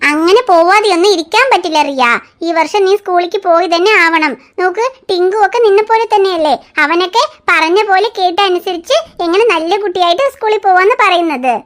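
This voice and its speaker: A woman's voice: very high voice, a little fast. A woman voicing a firm, matter-of-fact young mother in a cartoon. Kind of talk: cartoon voice acting.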